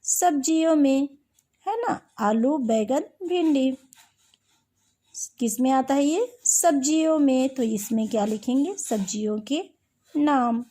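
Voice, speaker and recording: A high-pitched woman teaches young children at an unhurried pace, in a recorded class lesson. Her voice is soft and mellow, and she keeps asking questions and then answering them herself, patiently.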